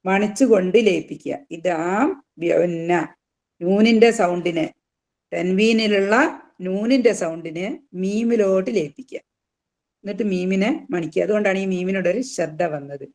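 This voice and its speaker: A teacher giving a tajweed lesson, explaining each rule and then sounding out the words slowly to drill them. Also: mid-range voice, a little mellow. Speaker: Quran teacher.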